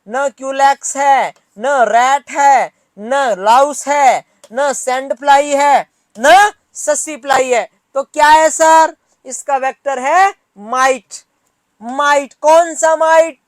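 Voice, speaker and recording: A man leads a nursing exam class, his voice pitched high and unhurried. He keeps firing the same question back at the students and scolds them playfully. The sound is dry, with no room echo. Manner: mixes Hindi with English terms. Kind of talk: classroom lecture.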